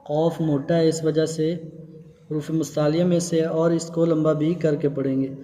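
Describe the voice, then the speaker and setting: A male Quran teacher explaining how to pronounce Arabic letters, chanting each letter slowly and drawn out between short explanations. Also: fairly high pitch, flat delivery, long reverb tail, background noise. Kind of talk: Arabic letter pronunciation lesson.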